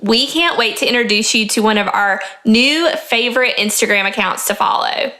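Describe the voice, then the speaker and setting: A woman's voice: fairly high pitch, moderate pace, bright, forceful tone. A woman hosting a casual podcast in an upbeat, enthusiastic way. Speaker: podcast host.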